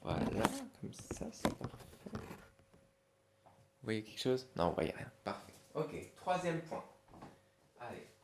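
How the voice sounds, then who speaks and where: A man's voice: medium pitch, big pitch swings, takes it slowly, long pauses. A man guides young pupils through a dictation game, spelling words out letter by letter and humming where a word is missing. His speech is patient and encouraging. The room sounds echoey, with faint background hiss. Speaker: teacher. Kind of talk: classroom dictation lesson.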